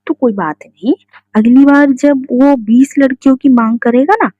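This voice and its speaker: A woman's voice: high-pitched, moderate pace, no room sound, voice pushed up. A woman voicing a gossipy young female coworker, read out plainly in her own voice. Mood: teasing. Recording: dull lo-fi recording.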